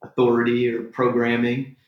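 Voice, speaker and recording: A man from Texas, a theater-maker guest in a conversational interview, rambling with lots of "like" and restarts, getting animated as he tells stories. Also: mid-range voice, moderate pace, phone-quality sound. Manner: rambling, heavy on "like", restarts often, grows animated telling stories. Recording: echoey room.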